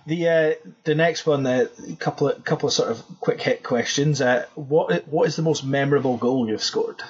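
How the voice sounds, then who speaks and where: A man's voice: medium pitch, moderate pace, husky. A man interviewing a guest, asking questions hesitantly with many fillers. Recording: distant, dull sound with faint noise.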